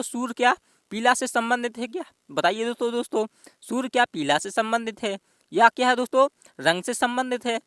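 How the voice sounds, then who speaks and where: Lively high-voiced tutor. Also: male voice, no room sound, studio quality. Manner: addresses viewers as friends constantly, repeats questions to himself. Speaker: exam-prep reasoning teacher. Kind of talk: step-by-step exam lesson.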